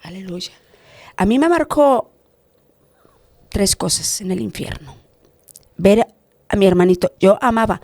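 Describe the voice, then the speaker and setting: A woman's voice: medium pitch, expressive, measured pace, long pauses, a little mellow, dry recording. A woman giving an impassioned preaching testimony in a pleading tone.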